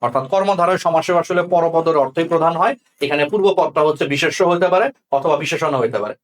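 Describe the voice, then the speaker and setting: Young man, tutor, rapid delivery, slightly high voice, keeps asking if students follow. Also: expressive. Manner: checks understanding often with quick questions. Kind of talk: exam-prep grammar lesson.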